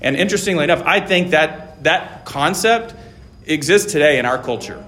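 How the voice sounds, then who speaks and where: Halting man lecturing a class. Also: a little high, lively intonation, bright, forceful tone. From Taiwan. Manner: halting, many fillers and restarts, checks in with "right?".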